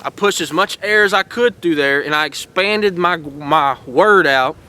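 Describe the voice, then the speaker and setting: Casual male instructor, high and bright, folksy teaching outdoors. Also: unhurried, poor audio. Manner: folksy and encouraging, repeats "all right" and "guys". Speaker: host teaching duck calling.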